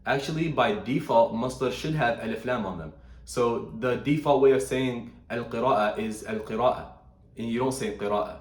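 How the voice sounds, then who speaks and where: A man's voice: medium pitch, normal speed, echoey room. A man teaching Arabic grammar in casual commentary, reading answers aloud and correcting them with Arabic terms.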